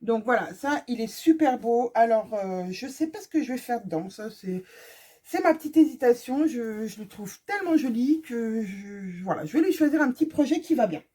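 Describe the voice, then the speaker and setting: A woman's voice: fairly high pitch, expressive, moderate pace, mellow, slightly rough. A woman chatting casually to her viewers in a sewing fabric haul vlog, joking as she shows each fabric, recorded on her phone. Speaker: sewing vlogger. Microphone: phone camera.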